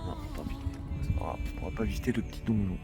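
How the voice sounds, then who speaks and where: A man chatting casually for a vlog in a slangy, joking, expressive way. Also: fairly low pitch, fast, over loud music. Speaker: vlogger living in a camper truck.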